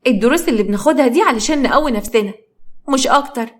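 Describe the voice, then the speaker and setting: A woman's voice: fast talker, lightly acted. Woman doing an earnest Egyptian schoolgirl. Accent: Egyptian Arabic. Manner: earnest, scolding, high-pitched. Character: poor earnest teenage schoolgirl.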